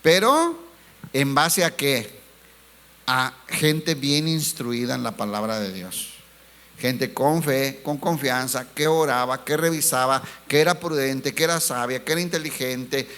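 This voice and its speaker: Pitched a little higher than most men's voices and slightly bright, a pastor preaches with a preachy tone, peppering his congregation with rhetorical questions and calling them brothers. He stretches out key words for emphasis, then hurries through the lines between them.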